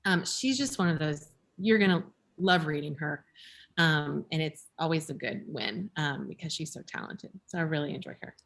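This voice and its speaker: A woman who buys books for a shop, chatting over a video call in an animated way with quoted asides. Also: sits low, normal speed. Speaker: bookshop book buyer. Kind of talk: casual book chat over video call.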